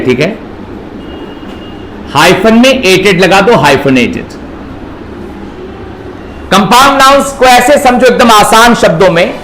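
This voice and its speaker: Slow-spoken teacher in an echoey classroom. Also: male voice, high-pitched, a bit bright. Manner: spells words letter by letter, calls students beta. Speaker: English grammar teacher. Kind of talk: classroom grammar lecture. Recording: echoey classroom, faint background noise.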